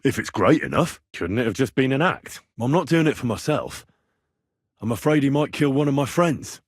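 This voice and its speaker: In this video game dialogue, a headstrong young investigator questions someone in a mid-range, slightly rough voice that rises and falls in an animated way. His earnest, plain questions come at a normal pace. The audio is close and dry with no surrounding room.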